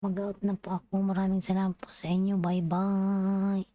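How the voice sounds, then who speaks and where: A woman's voice: mid-range voice, completely flat delivery, moderate pace, mellow, no echo. A sleepy woman from the Philippines, chatting casually on her livestream late at night and signing off. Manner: tired, drowsy, sign-off chatter. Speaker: livestream vlogger. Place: UAE.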